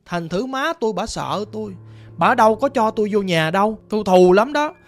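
A woman's voice: medium pitch, expressive, fairly quick, faint music behind. A woman with a Southern Vietnamese accent voicing the vengeful ghost of a young woman in a storytelling narration, talking in a plaintive, rambling way. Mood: bitter. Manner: plaintive, rambling, repeating herself.

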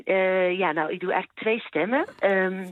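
A woman's voice: medium pitch, moderate pace, phone-quality sound. Playful woman, voice actress guest. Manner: playful, laughs often. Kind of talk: casual radio chat.

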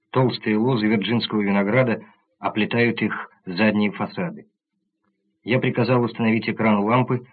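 A man narrating an audiobook in the first person, measured and even, on tinny narrow-band audio. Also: on the low side, slightly rough.

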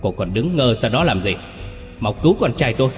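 Man voicing a shrill scolding old matriarch. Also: animated, normal speed, big-room sound, faint music behind, lightly acted. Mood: frantic shouting. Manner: shrill, berating.

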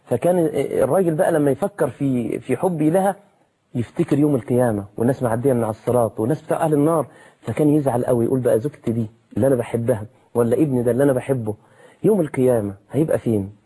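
A man with an Egyptian accent preaching a colloquial sermon in an animated, dramatic way, jumping up in pitch to stress a point. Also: racing, slightly rough, poor audio. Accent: Egyptian Arabic. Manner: animated, dramatic, rises sharply in pitch for emphasis.

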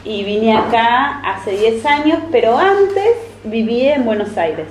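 A woman's voice: fairly high pitch, sing-song, takes it slowly, darkish tone, a little hiss or hum. A woman from Santiago del Estero, a photojournalist answering questions chattily in a casual group interview. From Santiago del Estero, Argentina. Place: cultural centre room. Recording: roomy, echoey room.

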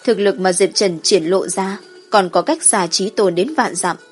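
A woman's voice: mid-range voice, a little slow, soft background music. A woman reading a scripted fantasy story as an audiobook narrator.

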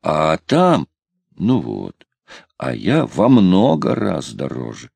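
A man's voice: sits low, wildly swooping pitch, slow pace, creaky, darkish tone, slightly rough, dry recording, heavily acted. A man reading an audiobook, voicing a coy, stubborn young woman. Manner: hesitant, teasing.

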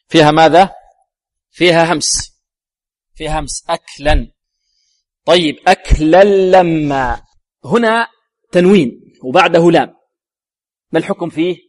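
Man teaching Quran recitation, slightly high voice. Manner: asks rhetorical questions and answers them himself; demonstrates recitation slowly, repeating words. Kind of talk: tajweed lesson.

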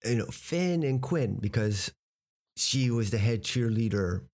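Here the American English teacher sounds mid-range and expressive, with a somewhat dark tone and a measured pace. He goes over vocabulary from a TV clip, carefully splitting words into parts and spelling them for the learner.

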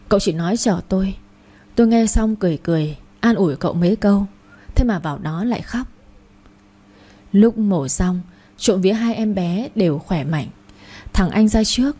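A woman narrating a story in the first person, telling it in a steady, plain way. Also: medium pitch, slightly rough. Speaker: audiobook narrator.

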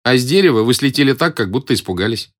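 A man voicing a calm, teasing young African woman in an audiobook reading, with a cool, unbothered manner. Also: mid-range voice, fast talker, close to an everyday voice. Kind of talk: audiobook character voice.

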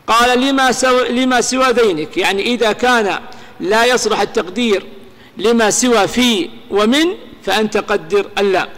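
A man teaching Arabic grammar to a class, explaining slowly, repeating examples and asking rhetorical questions. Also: high-pitched, a bit bright, long reverb tail.

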